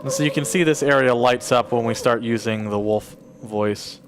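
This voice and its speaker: A man's voice: medium pitch, moderate pace, background noise. A man giving casual live commentary as he speedruns a game, explaining his route and coaxing the characters along. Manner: talks to the game characters while playing. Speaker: speedrunner playing live at a charity marathon.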